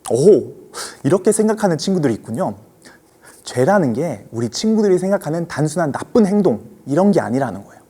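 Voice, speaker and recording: A man preaching a children's sermon, his pitch rising and falling in a lively, animated way. His voice is mellow and a little husky, and he speaks gently, often turning to the kids with questions. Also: quick pace.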